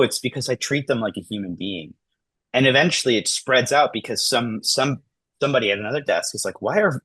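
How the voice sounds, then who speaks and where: A man in his thirties talking casually as a podcast guest, acting out everyday conversations in lively voices and often saying "like" and "man". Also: medium pitch, slightly rough, no echo. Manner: animated, acts out dialogue in lively voices, says "like" and "man" often.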